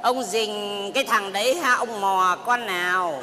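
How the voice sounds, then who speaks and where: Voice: mid-range voice, a little slow, lightly acted. A performer playing a jealous, scolding wife and mother, shrieking accusations in a stage comedy sketch. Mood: accusing. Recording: reverberant stage with faint noise.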